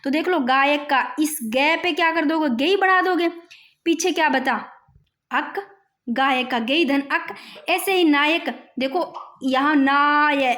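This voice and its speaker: High-voiced woman teaching a grammar lesson. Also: fairly bright tone. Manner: repeats example words slowly, addresses students as bhai.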